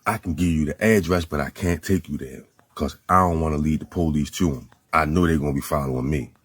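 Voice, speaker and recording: A man voicing a concerned young woman friend in a street story, speaking in his own low husky voice. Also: a little fast, no echo, studio quality.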